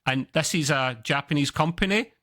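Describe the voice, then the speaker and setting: A man hosts a relaxed gaming podcast, chatting along in an excitable, rambling way. His voice is bright and a touch tense, and it climbs sharply whenever he gets worked up. He sounds like a regular who knows his co-hosts well. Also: moderate pace. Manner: excitable and chatty, jumps up in pitch when enthused. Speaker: podcast host. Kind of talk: casual chat about video games.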